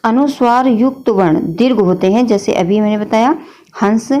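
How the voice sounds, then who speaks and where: A woman's voice: a little high, moderate pace, mellow. A woman teacher explaining a grammar lesson patiently, often addressing her students as children. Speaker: Hindi teacher.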